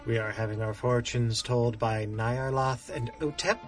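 An actor playing a wary occult detective in an audio drama, with a formal, wordy, dry way of talking. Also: male voice, mid-range voice, steady tone, measured pace, soft background music, close to an everyday voice. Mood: uneasy, dry.

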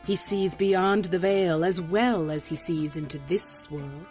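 An actress playing an imperious, curt mystic seer in an audio drama, with a haughty, theatrical and deadpan delivery. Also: female voice, fairly low pitch, unhurried, faint music behind, close to an everyday voice. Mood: dry, haughty.

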